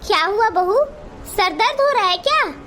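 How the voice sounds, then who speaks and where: A woman voicing a kindly older aunt in a Hindi cartoon, gentle and consoling. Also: very high-pitched, lively intonation, normal speed, slight background noise, full character voice.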